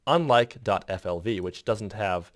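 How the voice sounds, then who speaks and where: A man's voice: on the low side, expressive, measured pace. A man casually narrating an editing tutorial in voice-over, rambling, interrupting himself and chuckling at his own asides. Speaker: video editor explaining his process.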